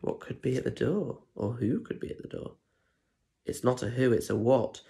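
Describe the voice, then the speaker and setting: An animated, gravelly, mid-range voice belongs to a British primary school story reader in his twenties, reading a children's story at normal speed with playful asides and questions for young listeners. He uses a phone or tablet at arm's length in a plain home room, and background noise can be heard.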